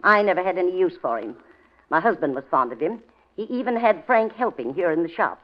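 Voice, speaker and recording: An actress playing a calm, guarded, suspicious widow in a 1940s radio drama. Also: female voice, fairly low pitch, a little fast. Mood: cool, suspicious. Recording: dull vintage radio recording.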